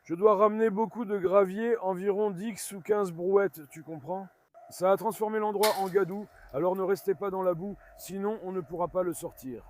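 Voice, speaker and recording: High-voiced man coaxing dogs outdoors. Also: normal speed. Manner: coaxing and calming dogs while chatting to viewers. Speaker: dog owner filming at his farm. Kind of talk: casual vlog. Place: farmyard outdoors.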